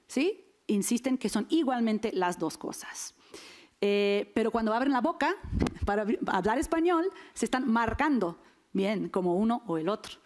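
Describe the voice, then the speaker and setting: Woman, academic lecture, fairly high voice, engaging, tag questions to the audience. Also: a little mellow. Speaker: linguistics lecturer. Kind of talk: academic conference talk. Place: lecture hall.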